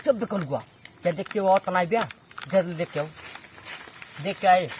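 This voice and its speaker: A man's voice: sits high, normal speed, darkish tone, far from the mic, close to an everyday voice. A man with an Awadhi accent playing a curt, bossy village drinking buddy in an amateur comedy skit. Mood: bossy, hushing. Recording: noisy outdoor recording with insects.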